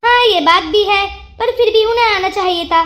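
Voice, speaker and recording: A performer voicing a warm, sensible young daughter-in-law who speaks sweetly and persuasively. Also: extremely high pitch, normal speed, a little hiss or hum. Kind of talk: cartoon voice acting.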